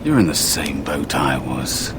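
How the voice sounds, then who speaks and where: An actor playing a wary, sorrowful spirit of a lost young apprentice in a fantasy video game, hesitant and cautionary. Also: male voice, very deep voice, very animated, measured pace, background noise, full character voice. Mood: bitter, resigned.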